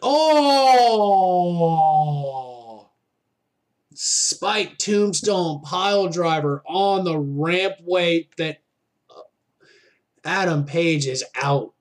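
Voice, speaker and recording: Male wrestling commentator, high-pitched voice, slow pacing, excitable play-by-play, informal fan-like exclamations. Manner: excitable, exclaiming at big moves.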